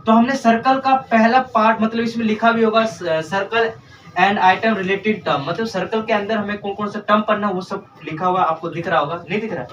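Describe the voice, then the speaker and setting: A man's voice: high-pitched, steady tone, fast talker, few pauses, fairly bright tone, distant mic, lo-fi sound, a little hiss or hum. A male tutor teaching a live class, asking questions and repeating the answers. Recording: echoey room, recorded from afar.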